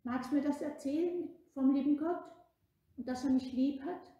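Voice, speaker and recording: Casting: a woman playing a gruff loner in a kids' storybook, bright voice. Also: high-pitched, normal speed, dull audio, pitched above the performer's own voice, close to an everyday voice. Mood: plaintive. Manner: shouting, then hesitant and wondering. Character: grumpy lonely man, shouting, then softening. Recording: echoey room.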